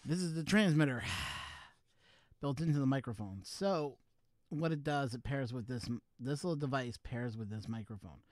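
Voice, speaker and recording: Chatty and rambling, this live streamer talks to his viewers while tinkering with his equipment, using a wireless USB mic. His mid-range voice is a little mellow, with a moderate pace and no echo.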